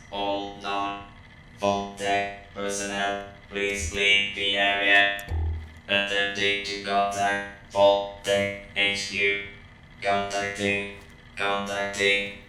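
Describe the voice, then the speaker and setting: A stern security robot on duty, reading out its orders in a very low, completely flat monotone at an unhurried pace. The voice rings with a heavy echo. Loud music plays behind it. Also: male voice. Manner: flat, clipped, monotone announcements.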